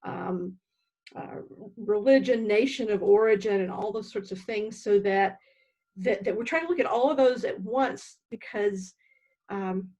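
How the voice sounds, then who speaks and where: A woman theologian speaking in a measured, thoughtful way with some ums, discussing her book in a live online conversation. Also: mid-range voice, a little mellow, highs cut off. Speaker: theologian, guest author.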